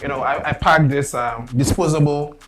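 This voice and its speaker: A man telling a lively story in a casual group chat, laughing often as he talks. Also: fairly high pitch, normal speed, background noise.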